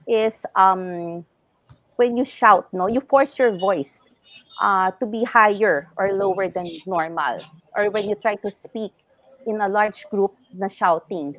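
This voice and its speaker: A woman's voice: mid-range voice, no echo, highs cut off. A woman ENT doctor, a guest on a health talk show, explaining things patiently in a mix of English and Tagalog.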